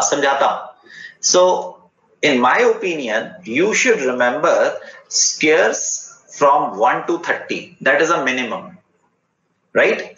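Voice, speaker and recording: A man's voice: on the high side, fairly bright tone. A man with an Indian accent teaching an interactive online class, often repeating short instructions and putting questions to his students. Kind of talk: interactive online lesson, mixing English and Hindi. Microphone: online class call. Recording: roomy, dull lo-fi online class audio with faint noise.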